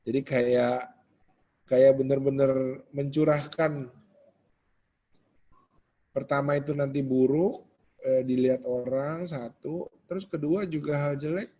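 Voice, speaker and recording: A man giving a casual webinar talk over a video call, animated and acting out quoted voices. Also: medium pitch, slow pace, long pauses. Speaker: webinar guest speaker.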